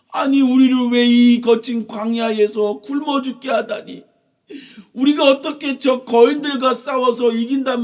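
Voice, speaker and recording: A man voicing the grumbling Israelite people, complaining loudly and later wailing in remorse. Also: extremely high pitch, pitched above the performer's own voice. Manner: whining, loud complaining.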